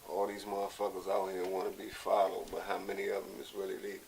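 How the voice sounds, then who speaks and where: An American man giving a blunt, profane, impassioned monologue, sounding drunk and rambling, with halting repeats and a gravelly voice. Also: low voice, monotone, a little mellow. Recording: hissy, noisy amateur recording.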